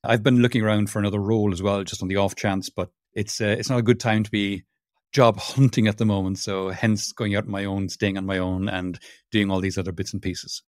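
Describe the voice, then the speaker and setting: In a casual podcast interview, a self-deprecating sustainability consultant from Cork, Ireland, restarts his sentences often. His low, darkish voice shows little pitch movement and runs a little fast, captured in clean studio sound with no room sound.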